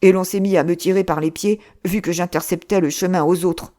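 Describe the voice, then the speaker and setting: A woman reading an audiobook, voicing a fat, cowardly male monk who wails and pleads loudly. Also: lowish voice, steady tone, close to an everyday voice. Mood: pleading. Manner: lamenting, pleading, drawn-out wails.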